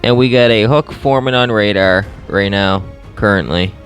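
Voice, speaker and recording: A man's voice: lowish voice, moderate pace, fairly bright tone, soft background music. A man giving casual play-by-play vlog commentary as a storm chaser, addressing his viewers directly and repeating short phrases. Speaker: storm chaser and video host.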